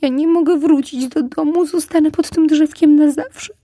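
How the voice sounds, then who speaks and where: A woman's voice: sits high, lively intonation, moderate pace, mellow, pitched above the performer's own voice. Woman doing a wailing little fox boy. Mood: despairing wail. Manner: whiny, wailing and pleading. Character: young greedy weepy little fox boy.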